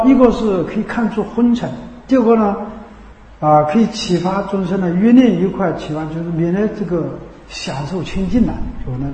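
A man with a high yet mellow voice gives a dharma talk as a Buddhist teacher. He speaks in a chatty way and keeps asking his listeners whether they follow. The sound rings through a roomy hall with a long reverb. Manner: conversational, keeps checking with listeners by asking "you know?".

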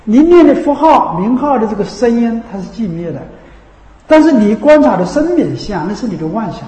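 A man with a high yet mellow voice gives a dharma talk as a Buddhist teacher. He speaks in a chatty way and keeps asking his listeners whether they follow. The sound rings through a roomy hall with a long reverb. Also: big pitch swings, a little fast. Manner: conversational, keeps checking with listeners by asking "you know?".

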